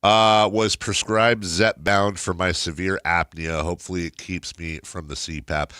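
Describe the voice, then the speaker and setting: A middle-aged man hosts casual talk radio in a very deep voice with a strongly nasal, stuffed-up sound. His tone is bright and punchy, in a dry, close studio sound. He rambles, repeats his words and readily makes fun of himself. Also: fairly even intonation, measured pace, clean tone, dry recording. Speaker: radio talk show host.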